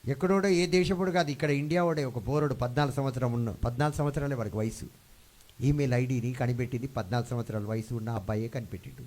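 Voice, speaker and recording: A man's voice: mid-range voice, fast talker, darkish tone. A man preaching a sermon, dropping English phrases into his talk and calling out for responses from the congregation. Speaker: pastor. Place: church hall.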